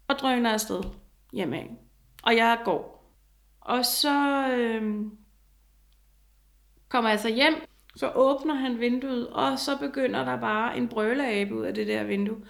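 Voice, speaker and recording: A young woman telling a personal story in a halting way, with many fillers and restarts. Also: high-pitched, creaky.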